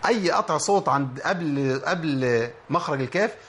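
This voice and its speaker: A man with an Egyptian accent teaching tajweed, drilling letter sounds slowly and repeating example words. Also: fairly high pitch, lively intonation, fairly bright tone, a little hiss or hum. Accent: Egyptian Arabic. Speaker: Quran recitation teacher. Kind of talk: Egyptian Arabic tajweed lesson.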